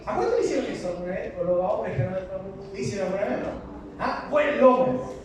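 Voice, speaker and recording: A pastor preaches a passionate sermon in a church hall, firing rhetorical questions at the congregation. His voice sits high and he talks fast. The recording is echoey, noisy, and captured from far off.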